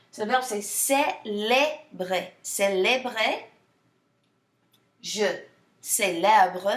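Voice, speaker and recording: A woman French teacher explaining verbs in English and French, slowly modeling pronunciation with playful asides. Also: mid-range voice, roomy sound. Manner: slow, drawn-out model pronunciation. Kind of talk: bilingual French lesson.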